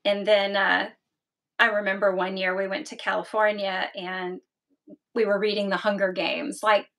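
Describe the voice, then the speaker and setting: A woman's voice: medium pitch, level tone, moderate pace, vocal fry, a bit bright. A woman guest on a knitting podcast, chatting in an easygoing, friendly way and laughing often. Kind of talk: casual chat.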